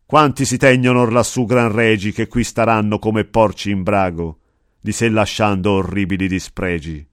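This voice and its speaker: A man voicing a wise old male poet guide, speaking in calm, measured verse. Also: lowish voice, no room sound, clean studio sound, lightly acted. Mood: solemn. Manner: measured, solemn recitation of verse.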